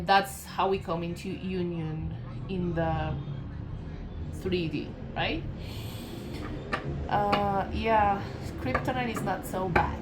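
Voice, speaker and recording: Background noise runs under this low-pitched Colombian woman as she delivers an informal channeled tarot reading. Speaking with a Colombian Spanish accent, she drifts along with fillers, self-corrections, and gentle laughter.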